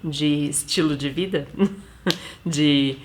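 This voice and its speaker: A woman co-hosting a live stream from home, speaking softly and hesitantly as she searches for words. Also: sits low, steady tone, takes it slowly, slight background noise. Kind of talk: casual live-stream talk.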